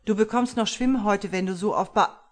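A woman voicing a terrified man who shouts in shrill panic on discovering a murder. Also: lively intonation, moderate pace. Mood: hysterical. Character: panicked man finding his murdered lover.

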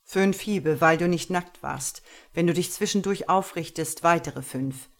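A woman's voice: lowish voice, a little slow. Woman voicing a stern commanding master. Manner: barked orders, harsh and mocking. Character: stern commanding male master, cold and dominant.

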